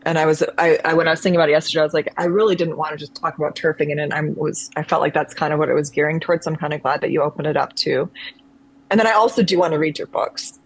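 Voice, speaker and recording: A woman with a deep, breathy-edged voice talks rapid-fire with fairly even intonation, heard in a low-quality recording. A conservatory-trained actress, she is a guest on a video call, thinking aloud reflectively, meandering, and often restarting.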